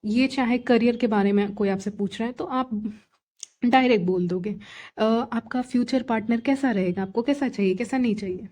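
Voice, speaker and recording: A woman's voice: a little high, normal speed, a little mellow. A young adult woman talking through a collective tarot reading in a chatty way, repeating her phrases and often checking in with her listeners. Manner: chatty, repeats phrases, frequent "theek hai" fillers. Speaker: tarot reader.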